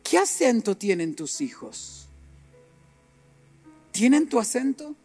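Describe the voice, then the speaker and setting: A middle-aged male preacher delivers a sermon in a high voice, swinging between quiet asides and forceful, emphatic peaks. He acts out short exchanges as he goes. Soft music plays faintly underneath. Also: takes it slowly. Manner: animated, acts out dialogue and rises to emphatic peaks.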